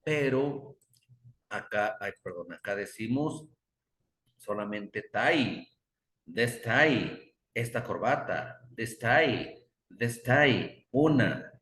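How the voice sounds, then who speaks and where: In a classroom full of students, a male English teacher explains grammar very slowly, his mid-range voice fairly bright and lively in intonation. He drills example words by repeating them again and again, occasionally pausing to correct himself, and the room gives a spacious echo.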